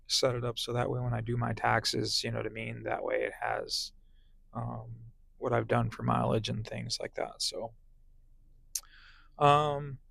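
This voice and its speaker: A man with a gravelly, fry-laced voice talks casually from inside his parked car. He rambles along with plenty of ums and restarts. The sound is close and dry on a small clip-on mic. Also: mid-range voice, no echo. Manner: rambling, filler-heavy talk. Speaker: delivery driver vlogger. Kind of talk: casual vlog chat. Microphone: small clip-on phone microphone.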